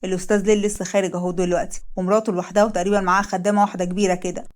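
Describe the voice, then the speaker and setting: A man's voice: high voice, flat delivery, very fast, pitched below the performer's own voice, close to an everyday voice. A woman voicing a menacing hired thug with an Egyptian accent, speaking coldly and threateningly. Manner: cold and threatening.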